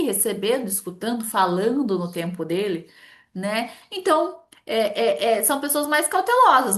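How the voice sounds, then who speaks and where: A middle-aged therapist from talks in a casual, animated way, voicing small dialogues as she explains. Her voice sits a little high. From Brazil. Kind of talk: casual explanatory talk to camera.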